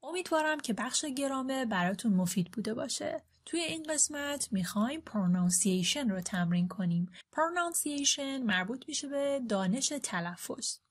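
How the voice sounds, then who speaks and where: A woman gives a beginner English lesson. She says each English word and sentence slowly and carefully. Between the examples she explains the grammar in quicker Persian. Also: sits high, lively intonation. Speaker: English teacher. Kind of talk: language lesson.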